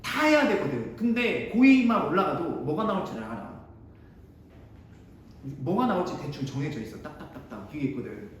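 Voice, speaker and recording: A man's voice: fairly high pitch, very animated, moderate pace. A man teaching a math class, chatty and digressive, bantering with his students in a casual way. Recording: echoey room, mic at a distance, faint noise.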